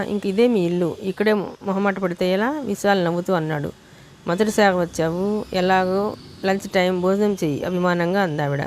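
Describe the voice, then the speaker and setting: Low-voiced woman reading a Telugu novel. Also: slight background noise. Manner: steady reading, voicing all characters' dialogue. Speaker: audiobook narrator. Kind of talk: scripted novel narration.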